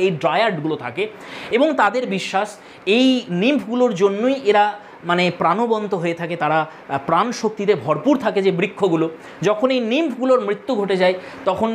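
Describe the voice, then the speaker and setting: A woman's voice: mid-range voice, slight background noise. A woman teacher explaining a poem line by line, addressing her students directly and repeating key terms. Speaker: English literature teacher.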